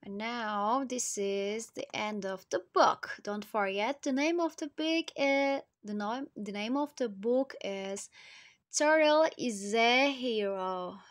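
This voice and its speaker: A woman reading a storybook aloud to children, slow and expressive, speaking to them directly. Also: a little high.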